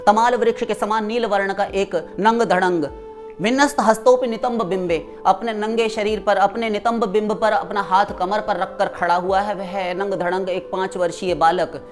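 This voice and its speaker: A woman's voice: mid-range voice, fairly even intonation, normal speed, soft background music. A woman preacher giving a devotional sermon, reciting verses and then explaining them.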